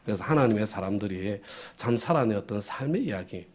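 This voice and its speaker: A man's voice: fairly low pitch, brisk. A male pastor preaching a lesson, asking his listeners questions and answering them himself. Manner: lively, asks the audience questions and answers them; acts out little quoted voices for effect. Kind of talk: sermon lesson to a congregation.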